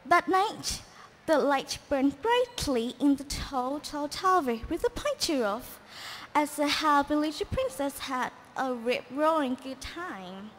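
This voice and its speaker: A woman reads a children's storybook aloud in a high, bright voice. Her pitch leaps up and down with lively expression, and a long hall echo follows her. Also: slow pace, a little hiss or hum. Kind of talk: readers' theatre storybook narration. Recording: echoey hall.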